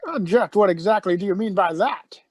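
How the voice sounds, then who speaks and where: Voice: mid-range voice, fairly quick, a little mellow, no echo, clean studio sound, close to an everyday voice. An actor playing an eccentric, defiant space-travelling Doctor in a radio play, urgent and given to repeating phrases. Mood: defiant, probing.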